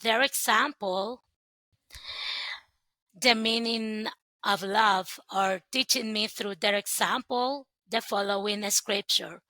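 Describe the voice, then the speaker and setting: A young woman, sharing her story as a guest in sincere, halting phrases. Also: medium pitch, pushed and bright, no echo, rough recording. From El Salvador. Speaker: guest, sponsorship coordinator. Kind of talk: earnest personal testimony.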